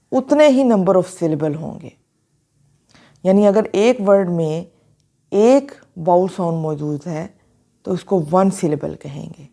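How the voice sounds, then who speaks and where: A woman teaching a phonology lesson, slowly and deliberately spelling out words letter by letter and sounding them out for the class. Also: fairly low pitch, dark tone. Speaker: English teacher. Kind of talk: explaining a phonology lesson, mixing Hindi and English.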